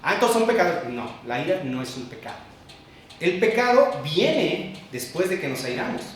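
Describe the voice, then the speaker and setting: A male pastor preaching a sermon, emphatic, with sudden drops to a low hush. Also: a little hiss or hum. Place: church sanctuary. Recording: very echoey church hall, mic far off.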